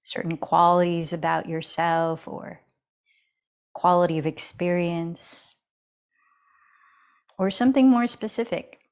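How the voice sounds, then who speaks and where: A woman guiding a yoga class and breathing practice, talking slowly and softly and counting out breaths. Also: lowish voice, steady tone, smooth. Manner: slow, soft and soothing, counting breaths. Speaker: yoga instructor. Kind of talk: guided yoga and breathing instruction.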